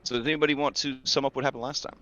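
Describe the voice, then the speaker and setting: A man's voice: medium pitch, steady tone, racing, fairly bright tone. A man chatting casually and a bit ramblingly as the game master of an online tabletop session. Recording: dull lo-fi mic, faint music. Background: faint music.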